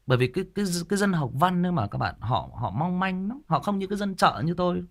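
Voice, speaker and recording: A man's voice: high voice, lively intonation, quick pace. A man from Vietnam, hosting a ghost story channel and chatting emphatically with his listeners. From Thai Nguyen, northern Vietnam. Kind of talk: casual chat to listeners.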